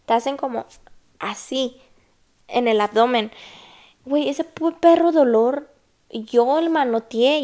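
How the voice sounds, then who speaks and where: A woman's voice: fairly high pitch, a little mellow. A young woman with a Mexican accent, telling a story in a blunt, profane, casual way and slipping English phrases into her Spanish. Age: young adult. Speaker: vlogger.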